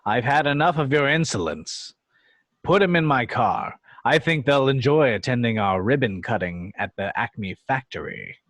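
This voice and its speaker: A man playing a sinister, smug villainous judge in an amateur film-script read, measured and coolly mocking. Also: mid-range voice, lively intonation, a bit bright, no room sound. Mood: menacing.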